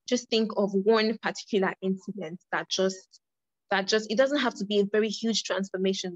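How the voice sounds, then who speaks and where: A woman's voice: mid-range voice, no echo, highs cut off. A young woman leading a creative writing workshop, earnest, often repeating and restarting her phrases. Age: young adult.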